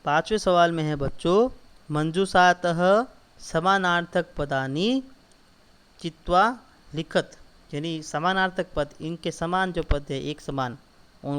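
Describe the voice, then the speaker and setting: A man teaches schoolchildren, going over each textbook answer step by step and saying it twice. His voice sits fairly high and sounds clear and smooth. He slows down and speaks up whenever he reads a line from the book. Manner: patient, repetitive explaining, addresses children directly; reads quoted lines slowly and louder.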